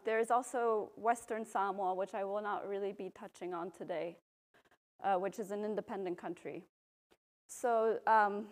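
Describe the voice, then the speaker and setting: A volcanologist from Belgium giving a public talk, a woman explaining at a podium microphone in a university lecture room, relaxed, with frequent ums. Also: a little high. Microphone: podium microphone, filmed from a far camera.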